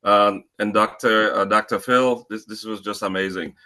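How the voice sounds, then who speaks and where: A man's voice: lowish voice, steady tone, normal speed, pushed and bright. A middle-aged man from Haiti, asking a panel speaker a long question in a conversational way, with many fillers and restarts. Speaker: audience member asking a question.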